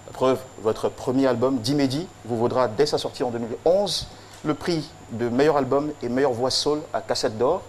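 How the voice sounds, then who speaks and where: A man's voice: medium pitch, normal speed, hardly any pauses, darkish tone, slight background noise. Solemn declaiming man. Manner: solemn, rhythmic, with emphatic repetition. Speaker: tribute presenter. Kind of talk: declamatory tribute speech.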